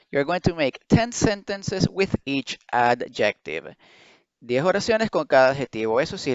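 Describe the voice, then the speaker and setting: A man teaching English pronunciation online, slowly drilling words syllable by syllable and explaining them. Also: a little high, no echo. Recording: dry, dull lo-fi sound.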